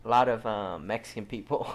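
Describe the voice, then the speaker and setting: A man's voice: lowish voice, fairly quick, vocal fry. A young man from Southern California, co-hosting a podcast with laid-back, joking casual banter. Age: young adult. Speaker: podcast co-host. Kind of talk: casual chat.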